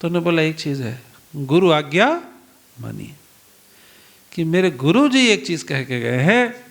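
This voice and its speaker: A man with a notably high voice delivers a devotional sermon as a story. He acts out the exchanges between the characters in the tale and turns to his listeners with rhetorical questions. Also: measured pace. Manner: animated storyteller acting out dialogue, rhetorical questions to audience. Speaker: preacher.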